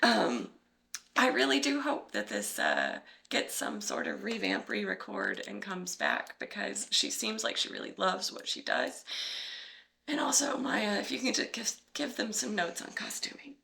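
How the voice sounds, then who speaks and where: A woman in a casual reaction chat who talks in a rambling, animated way with many fillers. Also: mid-range voice, unhurried, gravelly.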